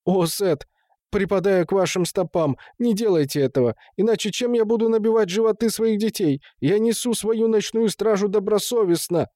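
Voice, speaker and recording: A man's voice: on the high side, animated, unhurried, few pauses, a little mellow, no echo, clean studio sound, voice pushed up. A man reading an audiobook, voicing a flustered male night watchman who pleads and grovels. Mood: frantic pleading. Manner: imploring, flustered.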